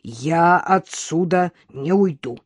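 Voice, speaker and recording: A furious, foul-mouthed woman hurls insults and threats at the top of her voice, pitched high and hard, as a woman narrator puts her on. She stays stubborn and aggressive in a dry, close audiobook recording. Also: huge pitch swings, slow pace, dark tone, no room sound, full character voice.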